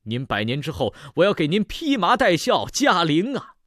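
Man voicing a sworn brother begging forgiveness, low and earnest. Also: wildly swooping pitch, moderate pace, a bit bright, dry recording, clean studio sound. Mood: pleading. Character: loyal young man, pleading, remorseful.

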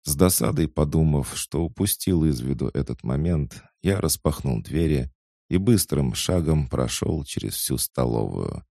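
A man narrating an audiobook in the first person, even storytelling. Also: extremely low pitch, measured pace, creaky, dry recording, studio quality.

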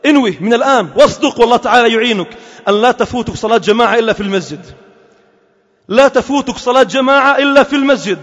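A man preaching a Friday sermon in a mosque, impassioned and at times rising to a shout. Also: very high-pitched, very fast. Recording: echoey mosque hall.

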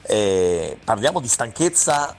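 A man's voice: fairly low pitch, sing-song, takes it slowly, faint music behind. A man talking casually as a sports journalist on radio, explaining his point and emphatically rephrasing it.

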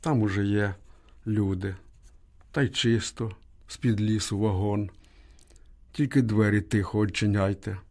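A man voicing a gruff, matter-of-fact old railway trackman in a lowered voice. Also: fairly even intonation, unhurried, long pauses, darkish tone. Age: older.

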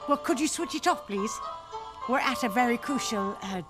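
A woman's voice: a little high, lively intonation, normal speed, over music, natural voice. A woman acting a bossy, dithering leader of a role-play group in a sitcom.

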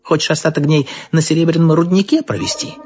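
A man voicing a shrill pushy company director. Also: steady tone, fast talker, darkish tone, slightly rough, muffled recording. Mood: pleading. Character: agitated middle-aged male company director.

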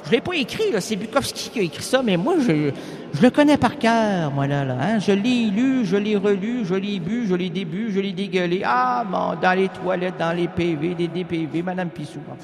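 Playful Québécois man, high voice. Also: lively intonation, moderate pace, creaky. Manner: playful, rambling, wordplay. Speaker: improvising comic. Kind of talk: improvised comic monologue. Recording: long hall reverb with faint music.

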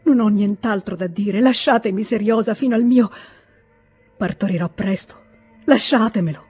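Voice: medium pitch, moderate pace, a little mellow, breathy edge, soft background music, close to an everyday voice. A reader voicing a distraught young aristocratic wife, pleading and agitated, in an audiobook reading.

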